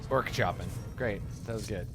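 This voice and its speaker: Man, low voice, casual gameplay commentary, goofy, irreverent, music behind. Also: normal speed. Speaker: video game streamer.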